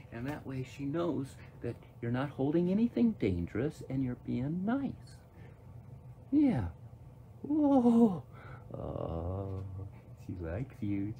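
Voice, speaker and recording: A man's voice: medium pitch, dark tone, a little hiss or hum, low-quality recording. A man hosting a live children's show, talking to the kids in a playful, sing-song way.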